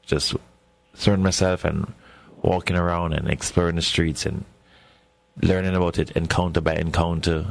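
A Jamaican man with an extremely deep, low voice, speaking in a radio interview. He tells his stories in a reflective, unhurried way, like a scholar who is turning a thought over as he talks. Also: steady tone, creaky. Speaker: guest scholar.

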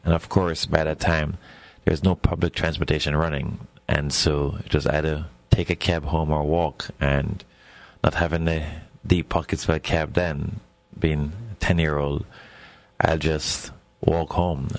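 Deep-voiced Jamaican man, unhurried storyteller. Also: level tone. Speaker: guest scholar. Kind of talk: radio interview.

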